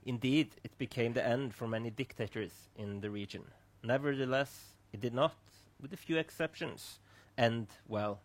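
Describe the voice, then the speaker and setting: A man's voice: medium pitch, moderate pace. A man hosting a streamed discussion, giving a formal, scripted introduction with small restarts. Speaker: host. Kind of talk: moderating a panel talk. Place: online streamed event.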